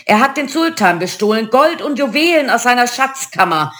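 A woman's voice: sing-song, moderate pace, a bit bright. A woman voicing a huge, outraged male lamp genie who thunders with an Arabic accent, in a storybook reading. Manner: booming, indignant.

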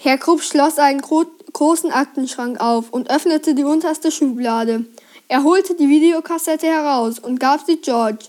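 A woman presenting and reading a children's book aloud, in a lively storybook manner. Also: high-pitched, a little slow.

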